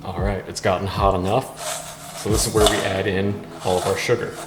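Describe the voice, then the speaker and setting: A man's voice: low-pitched, little pitch movement, moderate pace, heavy background noise. A drunk man chatting casually as he hosts a cooking vlog in a kitchen, goofy and giggly, given to bursts of exclamation. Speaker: host of a drunk cooking video. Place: indoors in a kitchen. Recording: reverberant room, music behind.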